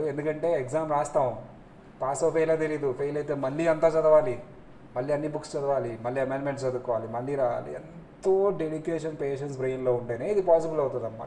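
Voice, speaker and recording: A man teaching a class, quizzing his students and acting out little scenes as he goes. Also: on the high side. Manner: lively, asks students questions, acts out scolding scenes. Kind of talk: classroom lecture. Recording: echoey room, faint noise.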